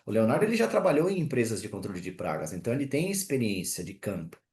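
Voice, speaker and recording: A man's voice: lowish voice, sing-song, fast, darkish tone. A man hosting an online lecture over a video call, speaking in an encouraging way with many fillers. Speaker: host of technical webinar. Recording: echoey room.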